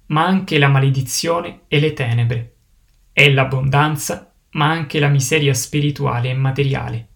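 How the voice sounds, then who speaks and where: A man delivering a sermon in a solemn, measured preaching cadence. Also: mid-range voice, creaky.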